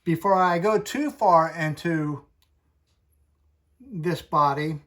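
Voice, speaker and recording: Slow-talking man, casual hobby vlogger. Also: on the high side, a bit bright. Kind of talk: casual hobby tutorial vlog.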